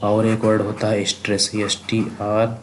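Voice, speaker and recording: Low, flat-voiced Indian man teaching vocabulary. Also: measured pace, slight background noise. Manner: repetitive, asks and answers his own questions. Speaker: exam prep teacher. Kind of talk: vocabulary lesson, spelling words aloud letter by letter.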